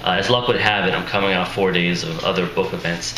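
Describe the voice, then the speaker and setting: Deep-voiced and quick, with fairly even intonation, this man introduces his book at a live reading in front of an audience. He pokes fun at himself, chuckles in asides, and sounds worn out and strained. Expect echo and noisy ambience.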